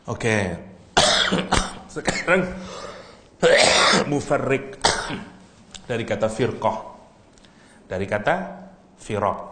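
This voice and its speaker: A man giving a lively, teasing religious lecture and reciting Arabic verses. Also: fairly low pitch. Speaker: Islamic preacher. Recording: echoey hall, faint room noise.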